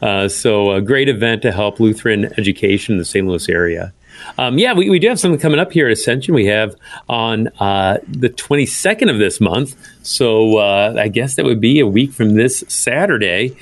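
A man's voice: medium pitch, dry recording. A man speaking as a pastor and radio guest, conversational and good-humored as he explains things. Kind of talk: conversational Bible teaching on radio.

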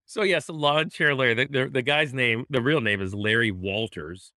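Speaking at a normal speed in a mid-range, sharp-toned voice, a man co-hosts a casual podcast about faith. He's a pastor who keeps things easygoing and laughs often, and the audio is echo-free studio quality.

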